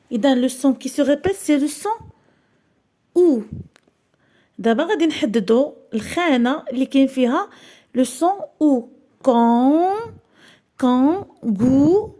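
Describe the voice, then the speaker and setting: A woman's voice: sits high, dark tone. A young woman teacher with a Moroccan accent, reading out a primary school French lesson word by word and explaining in Darija. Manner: slow, careful syllable-by-syllable reading, switching between French and Darija.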